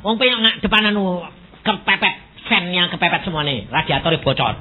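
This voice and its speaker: Seorang pendeta pria berusia lanjut dengan logat Jawa, berkhotbah sambil bercerita dan memerankan suara orang-orang dalam kisahnya. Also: male voice, high-pitched, fairly quick. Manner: animated, acts out quoted voices, mixes Javanese words. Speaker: pastor. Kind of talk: sermon with storytelling. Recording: tinny phone-like recording with faint noise.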